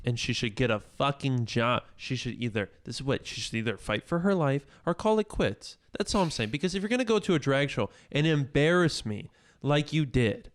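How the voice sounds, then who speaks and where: A man's voice: very animated, brisk. A man in his twenties co-hosting a podcast, telling a story with heavy swearing and dropping his voice to quote others. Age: 20s. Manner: profane, exaggerated, lowers voice to quote others. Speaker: podcast co-host. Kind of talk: casual storytelling chat.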